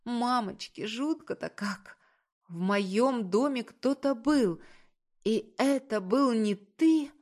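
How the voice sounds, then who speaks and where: A woman's voice: mid-range voice, animated, moderate pace, voice pushed up, lightly acted. A woman reading a story, voicing a young village woman who is frightened and emotional.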